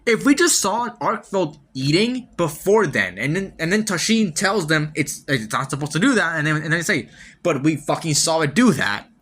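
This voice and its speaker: Animated man ranting about a game. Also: fairly high pitch, moderate pace, hardly any pauses, breathy edge. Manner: rambling, frequent restarts, casual swearing; laughs wryly between points. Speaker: podcast host. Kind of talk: casual solo game review talk.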